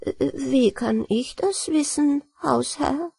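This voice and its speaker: Brief: cheeky female rat, read by a woman, feigned innocence, mocking, slow. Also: a little high, big pitch swings, breathy edge, dry recording, heavily acted. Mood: sly innocent.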